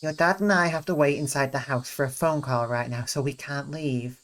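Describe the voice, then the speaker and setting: A reader voicing a hurried middle-aged mother in a visual novel, polite but brisk and slightly raised in pitch. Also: a bit bright, close to an everyday voice. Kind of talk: reading a visual novel aloud.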